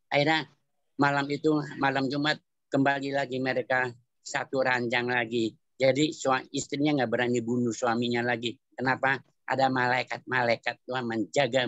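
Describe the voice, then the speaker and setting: A man giving a church testimony, telling his story in colloquial, animated style and repeating phrases for emphasis. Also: medium pitch, no echo, dull audio. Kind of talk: testimony at a prayer meeting.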